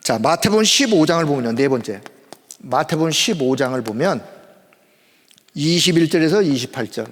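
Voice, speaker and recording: A male pastor preaching a sermon in a fairly high, emphatic voice, swinging between ringing declarations and quiet, low asides. The words echo through a large sanctuary with a long reverb tail. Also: lively intonation, normal speed.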